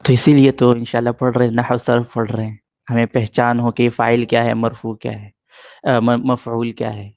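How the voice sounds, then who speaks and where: A man's voice: mid-range voice, level tone, a little mellow, no echo, clean studio sound. A middle-aged man teaching an Arabic grammar lesson in a patient way, repeating points and answering students' questions.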